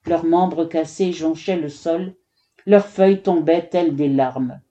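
A woman's voice: sits low, unhurried, dark tone, lo-fi sound. A woman narrating a children's story expressively, giving each character a voice.

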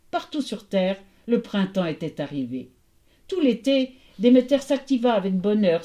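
A woman narrating a myth as a storybook reading, expressive and measured. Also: mid-range voice.

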